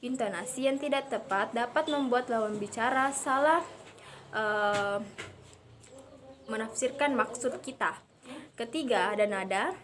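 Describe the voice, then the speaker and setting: A young woman reading a language lesson aloud as a student presenter, steady but dotted with hesitant fillers. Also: on the high side, a little slow, pauses often, slight background noise. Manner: reads steadily with frequent "eh" fillers and restarts. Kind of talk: read-aloud lesson explanation.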